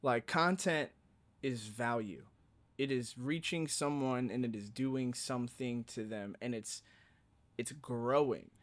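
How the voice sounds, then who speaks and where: Male podcast host, medium pitch; animated, filler-heavy, plays out quoted reactions. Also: takes it slowly. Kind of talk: casual podcast conversation.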